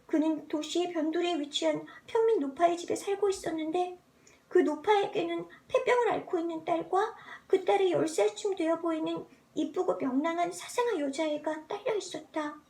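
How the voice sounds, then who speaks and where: A woman's voice: very high voice, normal speed, darkish tone. A woman reading a novel aloud as an amateur narrator, theatrically, practicing an altered voice. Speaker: amateur audiobook reader practicing voice changes. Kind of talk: expressive literary narration, voice-acting practice.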